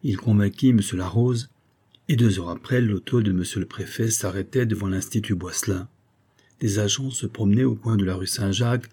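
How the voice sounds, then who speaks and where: Man narrating an audiobook, steady and measured, low pitch, dark husky timbre. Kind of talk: audiobook narration of a classic novel.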